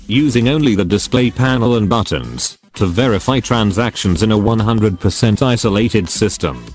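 A male text-to-speech robot voice reading a scripted explainer in a flat, even synthetic manner. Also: fairly low pitch.

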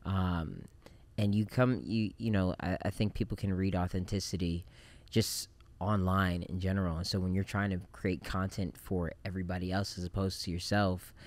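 Male podcast guest, thirties, low voice, relaxed and reflective. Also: normal speed. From Japan. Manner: relaxed, reflective, many fillers. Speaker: podcast guest, film director. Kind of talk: casual interview chat. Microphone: studio mic on boom arm.

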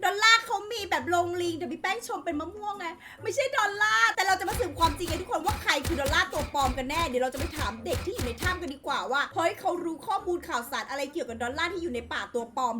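A woman with a very high, bright-pitched voice hosts a game playthrough, talking fast and full of energy. She shouts and exclaims playfully, slipping into casual slang as she speaks straight to her young viewers. Faint music plays underneath. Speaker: gaming channel host. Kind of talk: excited game commentary.

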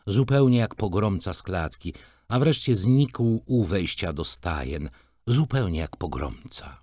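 A man reading a literary story aloud with expressive storytelling and voiced characters. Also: low-pitched, no room sound, clean studio sound. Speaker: reader.

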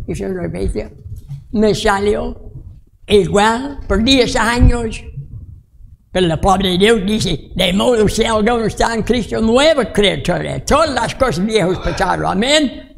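A man in his sixties, a pastor from the United States, preaching a storytelling sermon in halting, broken phrases full of restarts. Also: high voice, gravelly. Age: 60s.

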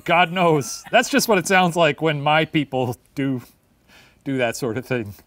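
A man voicing an excitable male puppet professor who hosts a comedy quiz show, theatrical and jokey. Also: fairly high pitch, a little slow, no echo. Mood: dry joking. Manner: theatrical, shouty bursts, jokey asides. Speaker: game show host.

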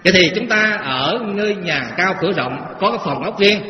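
A man's voice: high-pitched, lively intonation, a little fast. A man, a Buddhist monk, giving a Dharma talk to lay followers in a temple hall, telling folksy stories and asking the audience rhetorical questions. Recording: echoey hall, dull lo-fi sound, faint noise.

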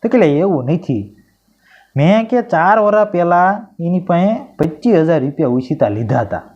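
A man telling a string of jokes, lively and mimicking the voices of the people in them. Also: on the high side, normal speed. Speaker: stand-up comedian telling jokes. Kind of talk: joke-telling monologue. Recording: dull lo-fi sound.

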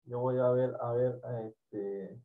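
A male schoolteacher with a Peruvian Spanish accent guides his pupils through an online quiz, repeating himself and drifting into murmurs as he checks things. His voice is mid-pitched and comes through dull, lo-fi call audio from a computer mic. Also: steady tone, takes it slowly. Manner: patient, repeats himself, trails off into mumbling. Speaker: primary school teacher. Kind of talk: online class, casual instructions. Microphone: computer mic on video call.

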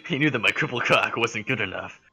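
Bright, lively man cracking crude jokes. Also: medium pitch, fairly quick, husky, soft background music, low-quality recording. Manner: crude joking interjections. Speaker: co-host. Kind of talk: comedic banter.

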